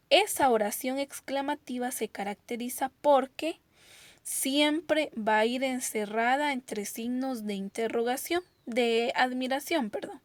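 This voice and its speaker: A woman teacher giving a recorded grammar lesson to children, patient and explanatory, reading example sentences slowly and with expression and often checking understanding. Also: on the high side, dry recording.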